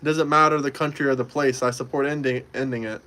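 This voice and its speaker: A fast talker with a medium pitch, fairly even intonation and a sharp tone, this young livestream host from Florida chats casually from indoors in Montenegro. He answers viewer comments loosely and often repeats himself.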